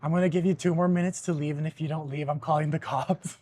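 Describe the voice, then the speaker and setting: A young man hosting a podcast, telling a story in casual chat, animated and swearing often, with laughs mixed in. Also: on the high side, quick pace. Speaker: podcast host.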